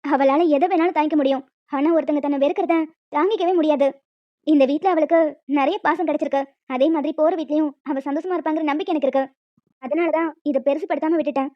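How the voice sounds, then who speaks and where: A woman voicing a kind, wise middle-aged aunt who gives calm, gentle advice. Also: high voice, quick pace, no echo, voice pushed down, natural voice. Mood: reassuring. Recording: dull lo-fi audio with music.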